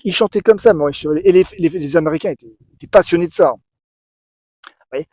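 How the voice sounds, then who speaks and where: A man's voice: fairly high pitch, fairly quick, darkish tone, dry recording, studio quality. A man giving a casual opinion monologue to the camera, emphatic and repetitive, with many restarts and asides to the viewer. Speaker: video essayist.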